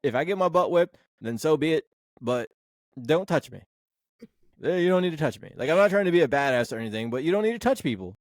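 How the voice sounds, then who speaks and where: A man's voice: a little high, animated, quick pace, dry recording, studio quality. Blunt, rambling male podcast host. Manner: blunt, rambling, swears freely. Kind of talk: casual sports podcast chat.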